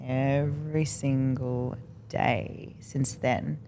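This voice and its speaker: A woman hosting a podcast in casual chat, affirming her guest and quick to laugh. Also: very deep voice, level tone, dark tone, a little hiss or hum. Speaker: podcast host.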